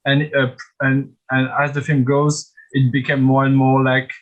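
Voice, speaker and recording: Halting soft-spoken man, flat delivery. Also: mid-range voice, dull audio. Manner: halting, many restarts and fillers. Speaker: film director. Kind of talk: festival Q&A.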